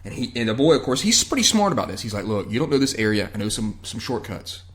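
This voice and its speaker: A male podcast host talks through an episode recap in a relaxed, chatty way. His speech is loose and profane, padded with ums and uhs. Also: fairly low pitch, fast talker. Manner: loose and profane, many fillers. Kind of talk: casual chat, recapping a TV episode.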